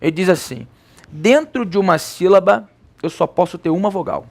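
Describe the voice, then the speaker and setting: A Brazilian man teaching a Portuguese grammar lesson, lively, asking rhetorical questions and answering them himself. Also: high-pitched, moderate pace, creaky. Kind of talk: recorded classroom lecture.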